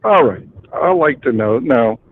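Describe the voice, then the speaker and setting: A man calling into a live show over a Bluetooth phone connection, speaking in a halting, hesitant way, with wind on the line. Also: mid-range voice, lively intonation. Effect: phone call through a Bluetooth connection. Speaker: caller.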